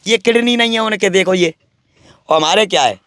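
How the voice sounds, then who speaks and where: A man's voice: sits high, moderate pace, fairly bright tone, no echo, clean studio sound. A man, a wandering holy man, talking at length about spirits and devotion in a boastful, preachy way. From Braj region, India. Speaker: wandering sadhu interviewed. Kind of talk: rambling spiritual talk.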